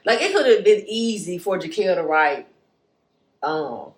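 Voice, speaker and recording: A woman's voice: on the low side, sing-song, measured pace. A woman co-hosting a podcast, chatting casually and emphatically in slangy talk as she reviews a book. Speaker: podcast co-host. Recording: echoey room.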